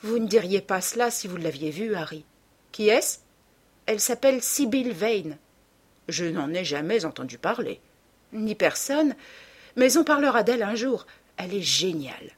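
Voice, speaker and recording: A woman's voice: mid-range voice, lively intonation, normal speed, husky. A woman reading an audiobook and voicing a shy, earnest young man in love.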